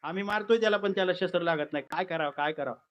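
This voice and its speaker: A man performing a kirtan, telling a sacred story in a lively, dramatic way with comic asides. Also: sits high, very fast, slight background noise, low-quality recording.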